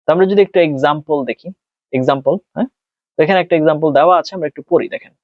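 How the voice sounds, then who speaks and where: A man with a somewhat raised voice teaches a test prep lesson. He asks and answers his own questions, and he slows down when he speaks English. The recording is dry and dull, with no room sound. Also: fairly high pitch, no echo. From Bangladesh. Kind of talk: tutorial lesson, mixing Bengali and English.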